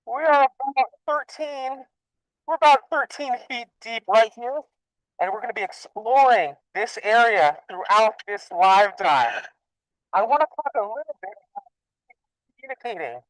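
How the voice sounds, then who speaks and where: A man working as a park scuba diver, presenting a live program from underwater and excitedly asking viewers questions. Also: very high voice, moderate pace, pauses often, no echo, rough recording. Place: underwater in a lake, diving.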